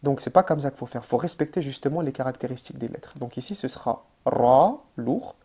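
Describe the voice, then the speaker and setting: A man's voice: mid-range voice, fairly quick, dark tone, breathy edge. A man teaching an online Arabic lesson in French, chatty and informal, with many fillers and restarts. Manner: addresses the viewer informally as "tu". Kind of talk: casual online language lesson.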